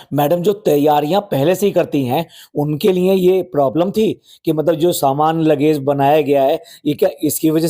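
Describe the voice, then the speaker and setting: A man's voice: fairly high pitch, warm tone. A man hosting a commentary podcast, scolding and mocking the people in the videos and repeating phrases for effect. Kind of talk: sarcastic commentary on vlogs.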